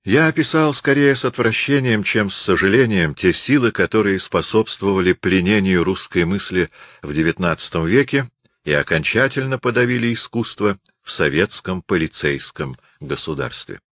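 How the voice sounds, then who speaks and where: A man reading a literary lecture aloud in a measured, ironic manner. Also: low-pitched, expressive, fairly bright tone, dry recording, clean studio sound.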